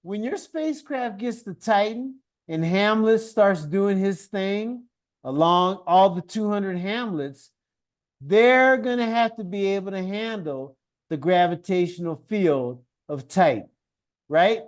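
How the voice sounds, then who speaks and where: Slow, patient man teaching science. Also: high voice, expressive. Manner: patient, asks guiding questions and praises the student. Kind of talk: one-on-one science lesson.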